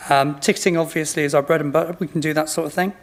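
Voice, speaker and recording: A man's voice: a little high, fairly even intonation, rapid-fire. A man in his late fifties with a modern British RP accent, giving an informal product presentation in a self-deprecating manner. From Bristol, England. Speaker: company representative presenting.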